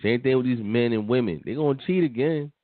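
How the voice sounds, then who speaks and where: A man's voice: mid-range voice, a little fast, no echo. A man co-hosting a podcast, talking bluntly and dismissively in casual chat, often repeating himself. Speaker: podcast co-host. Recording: tinny phone line, dry.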